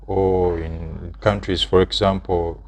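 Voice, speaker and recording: Very deep-voiced Ugandan man explaining. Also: flat delivery, slow, creaky. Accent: Ugandan English. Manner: explains steps plainly, with fillers and short affirmations. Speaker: channel co-host. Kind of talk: explanatory casual chat.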